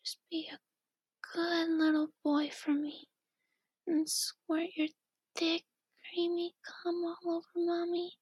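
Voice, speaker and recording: A woman whispering softly in a slow, coaxing and doting ASMR roleplay. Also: extremely high pitch, monotone, no echo, studio quality. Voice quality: soft breathy whisper.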